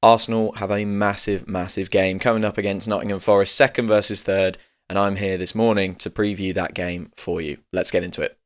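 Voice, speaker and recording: A man hosting his own football podcast in a loose, conversational way, with lots of fillers and a voice still rough from early morning. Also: low voice, little pitch movement, brisk. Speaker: podcast host. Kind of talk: solo football podcast chat.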